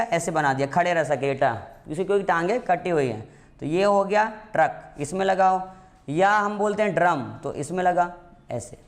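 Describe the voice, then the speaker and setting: A high-pitched man teaches a grammar lesson for exam prep, calling his students "beta." He poses questions and answers them himself, repeating the key points.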